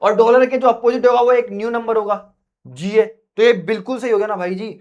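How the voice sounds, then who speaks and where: ऊँची आवाज़ वाला हिंदी शिक्षक, दोहराते हुए समझाता है. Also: male voice, extremely high pitch, steady tone, fairly quick, a little mellow, lo-fi sound. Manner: repetitive, coaxing, addresses students as babuji and bhaiya. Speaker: reasoning teacher for exam prep. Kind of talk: classroom lecture at a board. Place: classroom.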